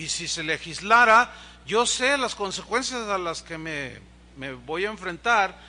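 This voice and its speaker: A man's voice: high voice, sharp tone. A man, a pastor preaching a conversational sermon in a church, asking the congregation rhetorical questions and acting out quoted dialogue. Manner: acts out dialogue in quoted voices.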